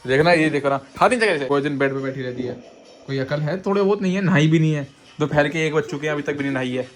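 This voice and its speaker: A man's voice: a little high, fast talker. A young man filming a casual family vlog at home, teasing and scolding his younger brother on a phone camera. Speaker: family vlogger.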